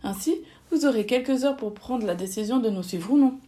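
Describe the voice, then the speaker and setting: An eager, well-meaning little storybook creature with a high, pleading voice, acted by a woman reading aloud. She is earnest and polite. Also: a little fast, warm tone, lightly acted. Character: young female animal, kind and eager.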